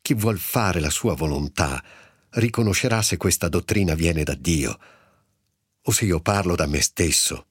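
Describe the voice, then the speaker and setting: Jesus, calm teacher type, man reading it, deep husky voice, slow and solemn. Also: no room sound, studio quality, exaggerated voice.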